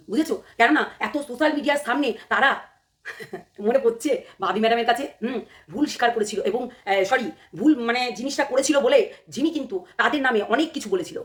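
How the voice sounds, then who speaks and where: Hoarse, fast-talking woman vlogger. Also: on the high side, a bit bright. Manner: heated and emphatic, repeats phrases, fires rhetorical questions. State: hoarse from a cold. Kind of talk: casual direct-to-camera commentary.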